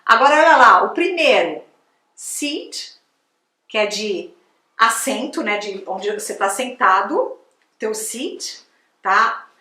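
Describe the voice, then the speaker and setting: A woman's voice: fairly high pitch, bright, forceful tone, reverberant. A woman from Brazil teaching English pronunciation in a chatty video lesson, exaggerating the sounds to demonstrate them.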